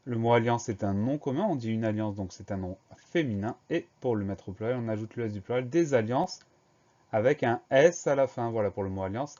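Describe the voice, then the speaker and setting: A man teaching a spelling lesson to young pupils, spelling each word slowly, letter by letter. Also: mid-range voice, warm tone, lo-fi sound. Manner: slow, careful letter-by-letter dictation.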